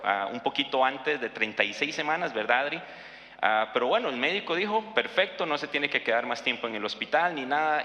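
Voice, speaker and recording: Pastor in an echoey hall. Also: male voice, mid-range voice, bright, forceful tone. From Costa Rica. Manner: conversational, tag questions and fillers. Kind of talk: sermon with personal story.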